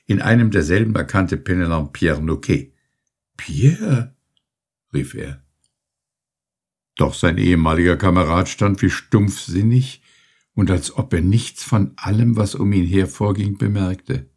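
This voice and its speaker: A man narrating an audiobook in a scripted, expressive storytelling style. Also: sits low, normal speed.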